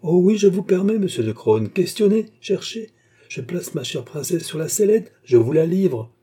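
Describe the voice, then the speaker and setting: King, anxious, eager, exclaiming, man's voice, raised pitch, husky. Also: animated, a little fast, dark tone. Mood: relieved, jubilant. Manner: eager, exclaiming, raising his voice. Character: agitated anxious middle-aged king.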